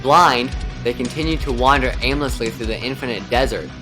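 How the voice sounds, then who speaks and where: A man's voice: medium pitch, fairly quick, music in the background, natural voice. A man voicing an earnest young horse racer in an emphatic, overacted anime fan dub, explaining as he goes. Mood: grave, explanatory.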